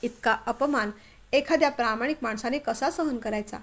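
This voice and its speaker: A woman storyteller reading a family drama story aloud in an expressive, measured way. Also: a little high. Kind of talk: scripted story narration.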